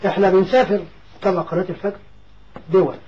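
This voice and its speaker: A man's voice: high-pitched, fairly even intonation, fast talker, highs cut off, a little hiss or hum. A man with an Egyptian accent who talks emphatically, repeats himself and also recites the Quran. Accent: Egyptian Arabic. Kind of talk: casual chat and Quran recitation.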